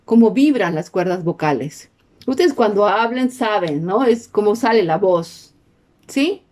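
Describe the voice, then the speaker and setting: Animated woman teaching a class. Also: medium pitch, measured pace. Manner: peppers sentences with questions to the class. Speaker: sign language teacher. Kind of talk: explanatory class talk.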